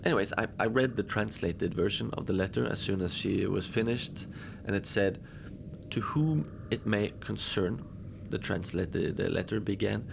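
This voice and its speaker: In a log-style audio drama, an actor voices the host character: a quirky, folksy, wry manager of a remote Antarctic research station, chatting deadpan and puzzled at a normal speed with many hesitant asides as if logging his shift. His very low voice has a gravelly fry, heard over a noisy ambient background.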